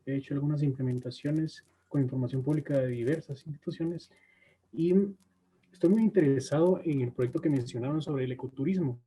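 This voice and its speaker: A man's voice: medium pitch, brisk, warm tone, slightly rough. A man politely introducing himself in an online Q&A over a video call. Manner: polite, formal. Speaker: audience participant.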